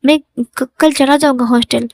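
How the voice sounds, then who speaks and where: A woman's voice: sits high, normal speed, creaky, no room sound. A woman voicing a teasing young man. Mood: flustered. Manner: teasing, light and lively. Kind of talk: storytelling in Hindi.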